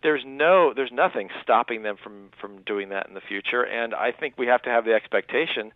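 A man's voice: medium pitch, normal speed, no echo. A man in his thirties speaking in an earnest, rambling way, full of restarts and "um"s. His voice comes over a thin, phone-like line in a dry, close sound with no room around it. He is a guest making his case on a radio talk show. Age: 30s. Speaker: guest, newspaper writer. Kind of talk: radio interview, explaining.

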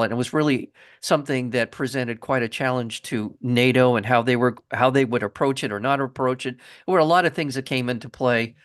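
A middle-aged man hosting a radio interview, reading a scripted intro, then asking questions in measured phrasing with frequent restarts. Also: medium pitch, fairly bright tone. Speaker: radio show host.

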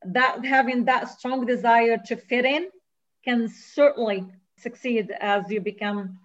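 A woman's voice: a little high, fairly even intonation, a little slow, muffled recording. A woman from Morocco with a Moroccan accent, speaking earnestly as a radio interview guest, with many hesitations and restarts.

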